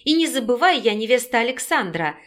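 A woman reading an audiobook, voicing a sharp-tongued, defiant young woman who snaps and mocks. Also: a little high, big pitch swings, a little fast. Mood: scornful. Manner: snapping, sarcastic.

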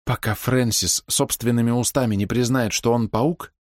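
Guy doing a high-pitched older lady, proud and upset, pleading then snapping, dry close sound. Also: steady tone, normal speed, a little mellow, no room sound, close to an everyday voice. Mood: defiant. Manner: pleading, indignant, breaking into outbursts. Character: proud distraught older woman, fiercely defending her brother.

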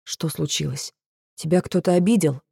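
A woman's voice: low voice, moderate pace, creaky, dark tone, husky, no room sound, studio quality, full character voice. A woman voicing a young male dragon who is caring but stern, patient at first and then sharply scolding, in an audiobook. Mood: worried. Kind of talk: audiobook narration.

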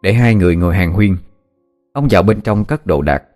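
A man narrating a story audiobook in a steady, measured storytelling manner. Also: low voice. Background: soft background music.

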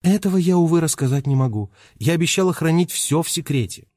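Man voicing a pelican-shifter schoolgirl, gentle, firm, higher voice, dry storybook. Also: animated, quick pace, no echo.

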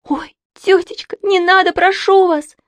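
A woman voicing a timid little girl who pleads in a high, breathless voice. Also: fairly even intonation, a little slow, no room sound. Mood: pleading.

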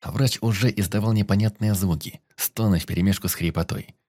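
Low-voiced man narrating an audiobook. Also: fairly even intonation, brisk, a little mellow, no echo. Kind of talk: scripted narration.

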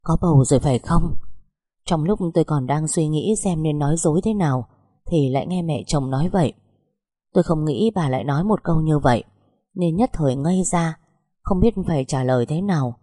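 Woman narrating a first-person story, low husky voice, dry sound. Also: a little fast, warm tone, no room sound.

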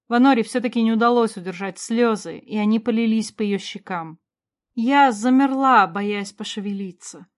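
A woman reading a first-person fantasy audiobook in a quiet, even storytelling voice. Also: fairly high pitch. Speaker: audiobook narrator.

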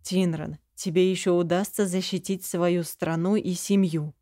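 A stern dragon general, calm and commanding with a lofty ring, as a woman reads him. The voice is mellow and dark, recorded dry and close. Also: fairly low pitch, measured pace, no room sound, lightly acted. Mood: grand.

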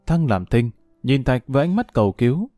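Expressive male storyteller. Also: medium pitch, a little fast, dry recording, studio quality. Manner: expressive, voices all characters. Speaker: narrator. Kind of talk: audiobook story narration. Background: faint music.

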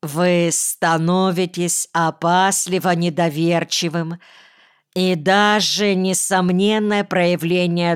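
A woman reading a novel aloud as an audiobook narrator, in a measured storytelling manner. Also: lowish voice, clear, resonant tone, no room sound, studio quality. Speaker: audiobook reader.

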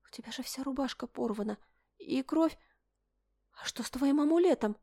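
A woman's voice: high voice, sing-song, moderate pace, a little mellow, pitched above the performer's own voice. Woman voicing a flustered, defensive duchess. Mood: anxious.

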